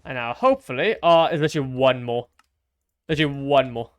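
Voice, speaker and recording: A man's voice: mid-range voice, fast, clear, resonant tone, no room sound. A young man casually commenting to his stream as he builds, chatty and self-mocking, humming little sound effects between remarks.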